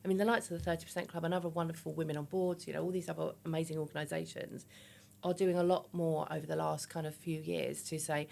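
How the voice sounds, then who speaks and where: Interview guest: woman, fifties, low-pitched with a gravelly edge, candid, emphatic, conversational. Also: level tone, quick pace, a little mellow, slight background noise. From East London, England. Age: 50s. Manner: candid, chatty, emphatic, illustrates points with quoted self-talk. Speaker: interview guest, business founder.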